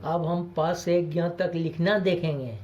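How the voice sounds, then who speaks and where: A man teaching a recorded primary school lesson, deliberately saying each letter twice so young pupils can copy it. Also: a little high, darkish tone. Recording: dull lo-fi recording.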